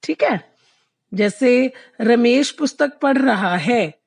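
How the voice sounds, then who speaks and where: A woman teaching a Hindi lesson to children, explaining slowly and patiently and often checking that they follow. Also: a little high, expressive, creaky. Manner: patient, repeats "ठीक है?" checks; slows right down to read example sentences. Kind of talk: slow classroom explanation to children.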